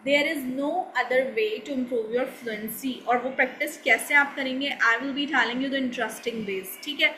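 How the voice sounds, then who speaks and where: High, bright Pakistani woman teacher. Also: fairly even intonation, slight background noise, poor audio. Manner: mixes Hindi-Urdu and English, often checks in with "ठीक है?"; slows down to model English words. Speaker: spoken English teacher. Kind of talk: recorded course lecture.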